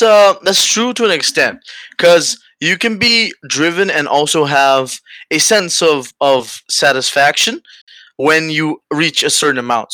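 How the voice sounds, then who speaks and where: Male podcast host, Aruban accent. Bright, slightly higher voice, halting conversational delivery, dry sound. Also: no echo. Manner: halting, searching for words, frequent "you know". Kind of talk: casual conversation.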